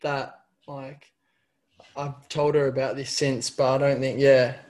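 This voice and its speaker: A man's voice: medium pitch, level tone, a little slow, darkish tone. A young man telling a personal story in casual chat. He stumbles and repeats words often as he talks.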